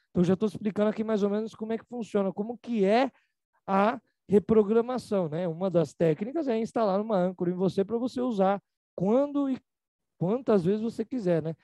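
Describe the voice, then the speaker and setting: A man's voice: warm tone, no echo. A man with a Brazilian Portuguese accent teaching a live online class in a casual, slangy way. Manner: casual and slangy, mimics others in a higher voice. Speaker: emotional reprogramming teacher. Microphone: video call.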